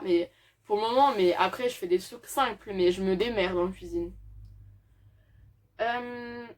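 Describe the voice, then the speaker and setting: A teenage girl answering tag questions in a casual, hesitant way, with frequent fillers and little laughs. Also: medium pitch. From France. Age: teens. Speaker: YouTuber.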